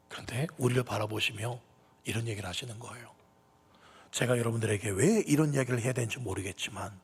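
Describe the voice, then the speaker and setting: A man's voice: mid-range voice, creaky, breathy edge. A pastor in his fifties giving a sermon with a personal testimony, telling it with emotion that swells to impassioned peaks, recorded in a church sanctuary. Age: 50s. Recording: reverberant church hall.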